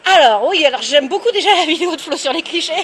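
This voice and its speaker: This young adult author, a woman appearing as an interview guest, has a voice that sits high and moves quickly. Her answers come across casual, candid and lively, dotted with many hesitations.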